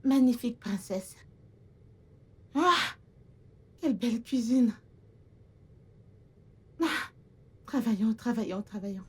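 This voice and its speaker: A woman's voice: on the high side, slow, long pauses, a little mellow, slightly rough. A woman dubbing a film role: an eager, grateful young village girl hired as a housemaid, deferential to her employer. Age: young adult. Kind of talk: dubbed film acting.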